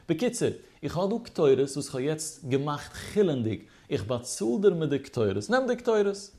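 A man leads a Talmud study lesson in a fairly high voice. He lays out the reasoning step by step and poses rhetorical questions along the way. Hebrew study terms come up often in his explanation. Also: sing-song, moderate pace, mellow. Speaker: religious teacher.

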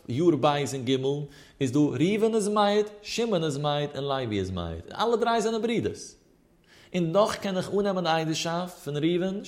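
A man teaching a Talmud lesson, his slightly high voice lifting and dropping as he works through each argument. His delivery has a sing-song lilt. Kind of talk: traditional Talmud study lecture.

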